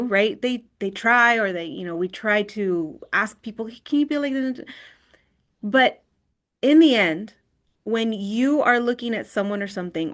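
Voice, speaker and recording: Woman presenting in a screen-recorded video call. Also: medium pitch. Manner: conversational, often checks in with "right?". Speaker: wellness workshop presenter. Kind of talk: online workshop talk.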